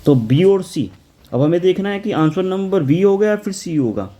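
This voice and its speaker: A man works through a German exam paper, reading out each question and explaining the answer step by step. He chants the article forms aloud in a steady classroom rhythm. His voice sits a little high but sounds dark and mellow. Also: normal speed. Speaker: German language teacher.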